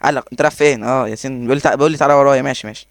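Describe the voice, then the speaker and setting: Egyptian guy rattling off game commentary super fast, keeps laughing, mid pitch. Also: gravelly. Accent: Egyptian Arabic. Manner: excitable, laughs often, talks to himself. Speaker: gaming YouTuber. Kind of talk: live gameplay commentary.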